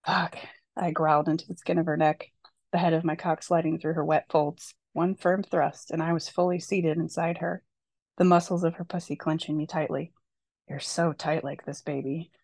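A woman author reading a passage from her own novel aloud, at a steady, unhurried pace with light emphasis on the dialogue. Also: deep voice, gravelly, no echo.

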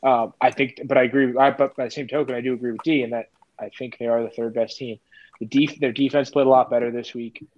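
A man's voice: mid-range voice, fairly even intonation, fast, darkish tone. A man co-hosting a podcast in casual sports chat, hesitant, with many restarts and fillers. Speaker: podcast co-host. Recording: dull lo-fi sound, faint noise.

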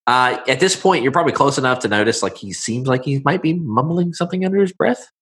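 A man improvising narration as game master of a tabletop game, informal, halting and folksy. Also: mid-range voice, animated, a bit bright.

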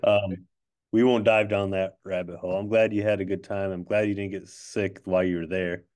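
Man, podcast host, deep pitch, casual chat, halting delivery, self-deprecating manner. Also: little pitch movement, a little mellow. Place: office. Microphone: not his regular microphone.

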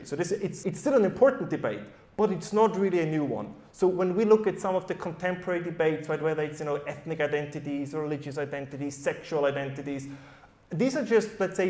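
A man with a German accent addresses a live audience in a loose, conversational way, often tossing in a quick "right?". His voice sits fairly high for a man and rings out in an echoey hall. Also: a little mellow. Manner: conversational, keeps checking in with "right?". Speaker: panel speaker. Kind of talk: live panel talk to an audience. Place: event hall at a summer school.

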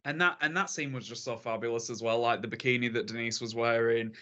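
Male podcast co-host. Bright, edgy voice; camp, sassy, effusive, conversational. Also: medium pitch, steady tone, fast, lo-fi sound. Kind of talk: casual film discussion.

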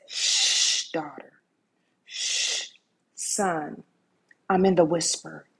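A woman's voice: mid-range voice, slightly rough. A woman preaching a sermon in an earnest way, repeating key phrases for emphasis.

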